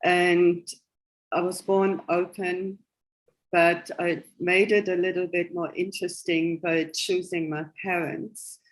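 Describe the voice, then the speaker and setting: On a low-quality recording, a woman with a lowish, fairly flat voice talks at a slow pace. In her sixties and from West Germany, she tells her life story in casual, self-amused chat, with a German accent and plenty of laughs between thoughts.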